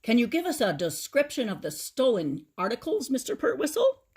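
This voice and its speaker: A woman's voice: fairly high pitch, huge pitch swings, normal speed, darkish tone, breathy edge, pitched above the performer's own voice, exaggerated voice. A woman voicing a serious, earnest male police officer in a children's storybook. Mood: grave.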